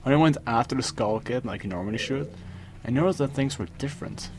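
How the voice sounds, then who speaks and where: A man reading a scripted first-person horror story, dramatically, with pauses for suspense. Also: medium pitch. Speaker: creepypasta narrator. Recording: music behind the voice. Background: music.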